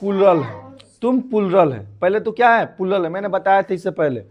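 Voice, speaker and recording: A man's voice: sits high, lively intonation, fairly quick, dull audio. A male teacher giving a classroom grammar lesson, drilling students with repeated questions and answers. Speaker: English teacher.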